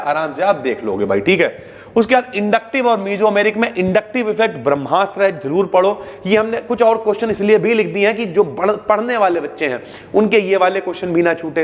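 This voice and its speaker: In a big room with dull-sounding audio, a young exam-prep teacher with a North Indian Hindi accent runs a casual revision lesson. He's chatty, calls his students bhaiya, or brother, leans on homely examples, and drops his pitch for asides.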